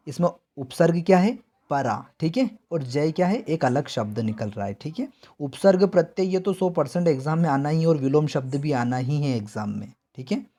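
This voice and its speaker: Chatty male Hindi teacher, slightly high voice. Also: a little mellow. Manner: chatty, asks questions and answers them himself; repeats words slowly to stress them. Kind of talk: exam-prep lesson.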